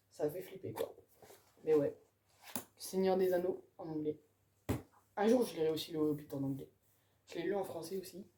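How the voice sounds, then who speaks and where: Booktuber, female, very mellow dark tone, chatty and eager, casual vlog delivery. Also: fairly low pitch, a little hiss or hum. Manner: chatty, enthusiastic, ends phrases with "quoi". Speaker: book vlogger. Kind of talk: casual chat about her reading pile.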